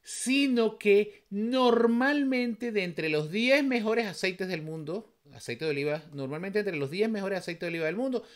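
A man's voice: high-pitched, bright, forceful tone. A man from Venezuela with a Venezuelan accent, giving casual, emphatic reaction commentary as a vlogger, full of rhetorical questions.

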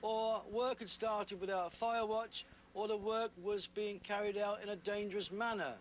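A man's voice: high voice, steady tone, moderate pace, slight background noise. A man as safety officer, stern and emphatic, briefing contractors in an indoor lounge meeting.

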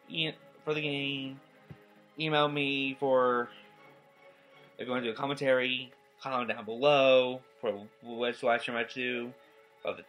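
A nineteen-year-old man giving a casual, rambling vlog update, tired and yawning, talking in halting stops and restarts. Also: medium pitch, fairly bright tone, low-quality recording. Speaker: gaming YouTuber. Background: faint game soundtrack.

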